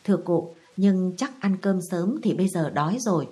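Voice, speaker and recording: A woman's voice: on the low side, animated, normal speed, warm tone, natural voice. A woman voicing a young male schoolteacher who speaks with deferential, very formal politeness.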